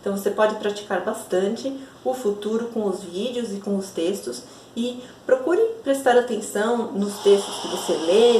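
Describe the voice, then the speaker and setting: A woman's voice: a little high, reverberant, recorded from a distance, a little hiss or hum, poor audio. A woman with a Brazilian accent teaching an English lesson, explaining in Portuguese and tagging her sentences with "ok?" and "right?".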